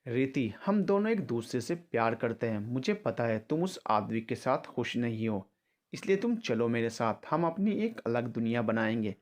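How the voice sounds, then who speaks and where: A man's voice: medium pitch, animated, normal speed, lightly acted. A man voicing a shameless young ex-lover in a storybook drama, smug and coaxing with a threatening edge.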